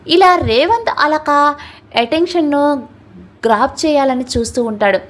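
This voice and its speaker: A woman's voice: sits high, a little slow. A woman narrating a romantic family story and reading every character's lines herself. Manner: reads all characters' dialogue herself, lightly shifting tone. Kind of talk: dramatic story narration in Telugu.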